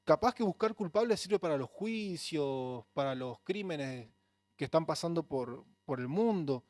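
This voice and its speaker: A man's voice: a little high, lively intonation, measured pace, a little mellow, no echo. A man preaching a sermon in a Rioplatense accent, earnest and conversational. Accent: Rioplatense Spanish. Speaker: pastor.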